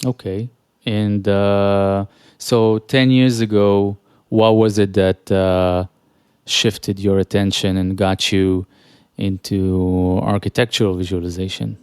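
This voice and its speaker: Low-pitched guy hosting a podcast, calm measured questions, bit of restarting. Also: clear, resonant tone, dry recording, studio quality. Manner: measured, asks follow-up questions with small restarts. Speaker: podcast host. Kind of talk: podcast interview.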